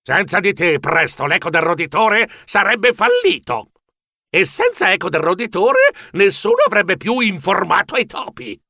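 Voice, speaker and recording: A man's voice: high voice, huge pitch swings, gravelly, bright, forceful tone, no room sound, clean studio sound, heavily acted. A man voicing a sly, boastful male pirate cat in a storybook, talking in a smug, mocking way. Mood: gloating. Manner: smug, mocking, rapid-fire questioning.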